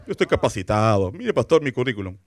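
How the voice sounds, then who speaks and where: A man acting out a smug, self-important man who boasts of his credentials, in a low, haughty tone. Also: sing-song, quick pace. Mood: boastful.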